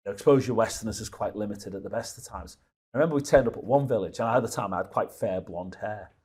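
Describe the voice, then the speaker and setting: A man's voice: on the low side, quick pace, darkish tone, breathy edge. A man in his fifties from Liverpool, a guest telling stories in a casual, rambling way with many restarts. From Liverpool, England. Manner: rambling storytelling with frequent restarts. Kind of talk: casual conversational interview.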